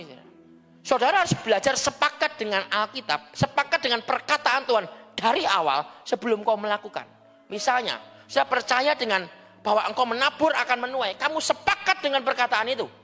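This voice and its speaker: A lively preacher whose pitch leaps and falls as the sermon moves from loud exclamations to soft asides, speaking straight to the congregation with quick restarts. The voice rings through a large church hall with a long tail of reverb, and soft music sits underneath. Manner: addresses the congregation directly, frequent restarts.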